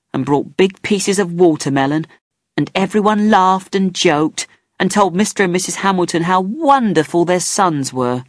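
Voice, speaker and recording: Low-voiced woman reading a story. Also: dry recording, studio quality. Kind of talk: first-person story reading.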